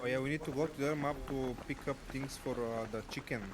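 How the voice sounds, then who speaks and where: A man's voice: medium pitch, fairly even intonation, quick pace. Young male gamer, easygoing, lots of "bro", casual co-op banter. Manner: laid-back, says "bro" a lot. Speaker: gaming partner. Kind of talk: casual gaming chat.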